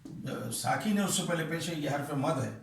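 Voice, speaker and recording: Man, recitation teacher, fairly high voice, patient explaining, drawn-out chanted examples, strong room echo, a bit off-mic. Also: expressive, gravelly, distant mic. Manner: patient, repeats terms slowly, checks understanding with "ٹھیک ہے"; demonstrates by stretching vowels in chanted examples. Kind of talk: explaining recitation rules at a board.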